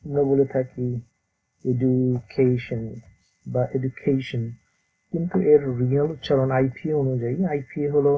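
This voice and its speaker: A man, teaching English pronunciation in a slow, halting way, repeating words to demonstrate them. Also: mid-range voice, vocal fry, slightly rough. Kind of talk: course promo and pronunciation lesson. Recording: dull lo-fi sound.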